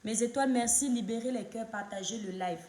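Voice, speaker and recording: Hoarse woman hosting a live stream. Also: a little high, brisk, darkish tone, echoey room. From Cameroon. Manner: repetitive, greets viewers by name. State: hoarse from a cold. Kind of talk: casual live stream talk.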